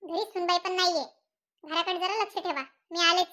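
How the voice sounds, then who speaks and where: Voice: very high voice, fairly even intonation, a little fast, bright, forceful tone. A performer voicing a boastful, bossy middle-aged village wife in a cartoon comedy. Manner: bossy, showing off. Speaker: Kamalbai, housewife.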